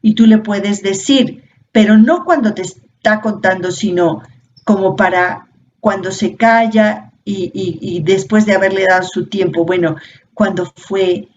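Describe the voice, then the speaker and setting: A woman leading an informal workshop, explaining at an unhurried pace and posing rhetorical questions to her listeners. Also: medium pitch, a little mellow. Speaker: workshop facilitator. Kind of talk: informal teaching talk. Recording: dull lo-fi audio with faint noise.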